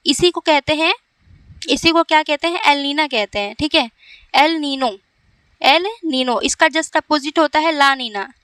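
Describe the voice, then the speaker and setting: A woman teacher explains at a whiteboard in a high, bright voice. She repeats key points and keeps checking in with her students. The sound is dry and a little distant from the mic. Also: dry recording. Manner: repetitive, checking in with "ठीक है". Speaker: exam coaching teacher.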